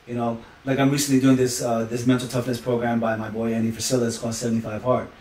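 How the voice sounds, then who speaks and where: A man's voice: medium pitch, little pitch movement, quick pace, a little mellow, recorded from a distance. A man as a podcast guest, preaching motivation with sayings and analogies. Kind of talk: motivational talk. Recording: roomy sound from off-mic.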